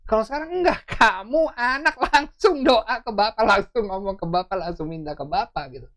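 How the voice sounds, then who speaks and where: Animated man preaching casually. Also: high voice, normal speed. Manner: animated, laughs often, conversational asides. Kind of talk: casual sermon teaching.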